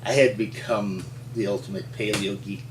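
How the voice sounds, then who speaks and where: A Montana man, the resident paleontologist, tells folksy, rambling stories in an interview, chuckling as he goes. His voice is fairly low with a steady tone at normal speed. The room is echoey, the mic distant, and there's a little hiss or hum.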